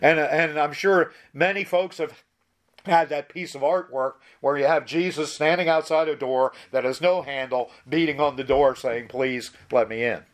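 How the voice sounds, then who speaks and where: A man's voice: fairly high pitch, normal speed. A man preaching a sermon, reading Bible verses aloud and explaining them in an emphatic, conversational way with frequent restarts.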